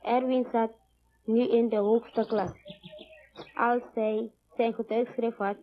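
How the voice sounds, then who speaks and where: A schoolgirl reads aloud in class in a flat, steady voice. The sound is thin and tinny, like an old film print. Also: fairly high pitch, slow, soft background music.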